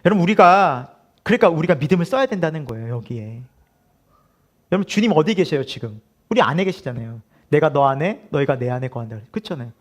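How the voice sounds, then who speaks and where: A male pastor delivers a midweek sermon in a high, lively voice that leaps up and down as he preaches. He keeps turning to the congregation with questions and breaks into laughter often. He acts out the voices he quotes. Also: fast talker. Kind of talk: sermon at a midweek prayer service.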